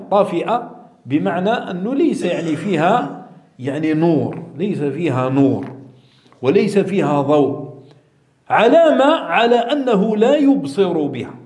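Maghrebi sheikh explaining hadith, high voice, swoops up and down, keeps repeating and quizzing the class. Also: male voice, a little mellow. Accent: Maghrebi Arabic. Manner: repeats key words, drawn-out emphasis, asks the audience questions. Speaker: Islamic teacher explaining hadith. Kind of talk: religious lesson commentary. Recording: echoey room.

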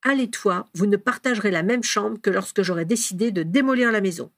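A woman voicing a calm, firm father who reassures his son, in a dry close recording. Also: medium pitch, brisk, dry recording.

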